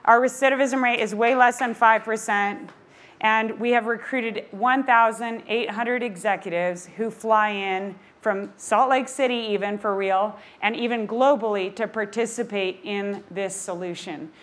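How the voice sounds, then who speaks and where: A woman who founded a nonprofit, giving a passionate, energetic talk on stage while presenting slides. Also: fairly high pitch, measured pace.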